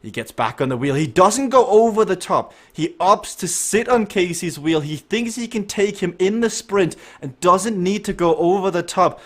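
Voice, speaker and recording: Excitable man calling a cycling race. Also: high voice, normal speed, hardly any pauses. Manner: excitable, rising to shouts at the finish. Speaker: race commentator and host. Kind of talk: live esports cycling commentary.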